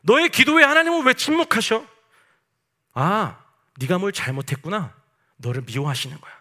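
A man's voice: high voice, animated, normal speed, pushed and bright, voice pushed up. A man voicing the devil as a sly male tempter, coaxing and sneering at the listener. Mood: taunting, shrill.

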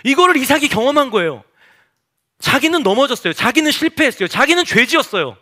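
A man's voice: extremely high pitch, fast. A male pastor preaching a sermon, telling stories with animation. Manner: animated storytelling, acts out quotes.

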